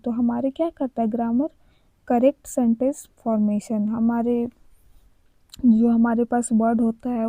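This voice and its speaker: A young woman teaches an exam-prep lesson. She reads each English question at a deliberate, unhurried pace in a dark, mellow voice, then explains it with rhetorical questions. The recording is dry and close, with no room sound. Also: fairly high pitch, no room sound, low-quality recording.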